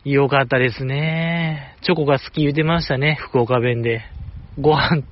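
Through lo-fi audio comes a mid-range male voice belonging to a solo podcast host. His talk is casual, enthusiastic fan commentary that wanders, softened by self-deprecating humor.

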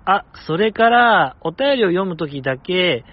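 A man voicing a cheeky teenage gal schoolgirl in a slow, drawling, gal-style reading. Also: high voice, expressive, dull audio. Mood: teasing.

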